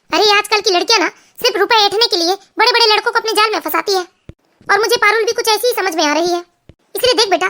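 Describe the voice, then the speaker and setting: A woman's voice: very high voice, pushed and bright. A woman doing a fierce older mother-in-law. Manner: firm, comforting, scolding. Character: older mother-in-law, protective, scolding, strong-willed. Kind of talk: storybook cartoon voice acting.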